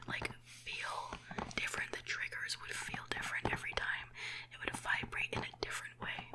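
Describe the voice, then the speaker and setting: A woman whispers softly and breathily in an informal, rambling ASMR gaming chat, with finger tapping on cases. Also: low-quality recording. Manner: rambling, informal, excited gamer talk. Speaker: ASMR gaming video host. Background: finger tapping on game cases.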